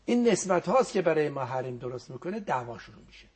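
A man with a fairly high, sing-song, husky voice speaks as a guest on a program, giving an earnest religious talk. He quotes Arabic prayers, and at times his voice drops to almost a whisper.

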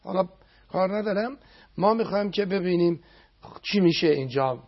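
Gravelly, husky man giving a religious talk. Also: high voice, animated, muffled recording. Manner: emphatic, chants Arabic prayers slowly with repetition. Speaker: religious speaker.

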